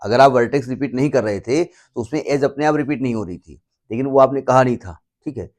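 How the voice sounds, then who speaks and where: A man teaches a maths lesson in an easy, talkative way. He repeats the key points and slips English terms into his explanations. His voice sits at a middle pitch, and he keeps pausing to check that his students are following. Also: a little mellow. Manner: stops often to check that students understand. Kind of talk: classroom lecture.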